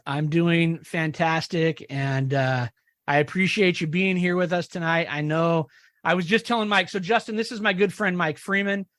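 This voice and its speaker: A man's voice: fairly high pitch, steady tone, normal speed, a bit bright, no echo, studio quality. A man hosting a podcast, talking eagerly with many restarts and small laughs. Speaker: podcast host. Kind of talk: casual interview chat.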